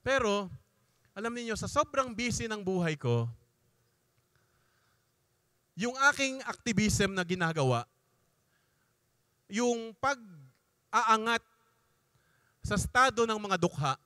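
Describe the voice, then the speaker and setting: A middle-aged man preaches in an easy, conversational way, tossing in asides as he goes. His voice sits high and sounds bright. The recording is dry and close, with little room sound. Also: expressive, takes it slowly, long pauses, dry recording. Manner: conversational preaching, mixing Tagalog and English, frequent asides. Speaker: priest. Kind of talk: sermon-style talk at a youth congress.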